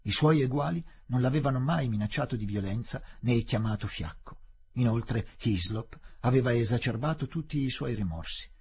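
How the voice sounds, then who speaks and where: Husky male audiobook reader. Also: mid-range voice. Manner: measured, expressive reading. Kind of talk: literary reading for radio.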